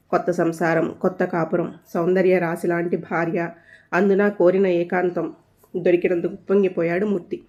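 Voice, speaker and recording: A woman storyteller narrating a story with lively, playful storytelling. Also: fairly low pitch. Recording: dull lo-fi audio.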